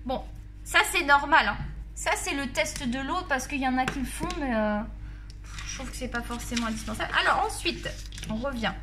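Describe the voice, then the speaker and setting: This art vlogger, speaking with a Marseille accent, reviews colored pencils at a desk at home without showing her face. She keeps things casual and playful with her viewers, in a high voice at a moderate pace, against background noise.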